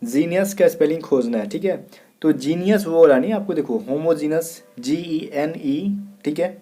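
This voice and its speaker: A man's voice: on the high side, warm tone, soft background music. A man from India teaching an exam prep lesson, spelling words out letter by letter and checking in often with his students. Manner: repeats "theek hai" often, spells letters out slowly.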